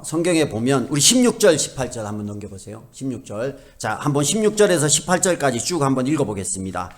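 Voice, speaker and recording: Animated man preaching a Sunday sermon. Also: a little high. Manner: conversational preaching with frequent rhetorical questions to the congregation; swings from loud emphasis to quiet asides. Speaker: pastor.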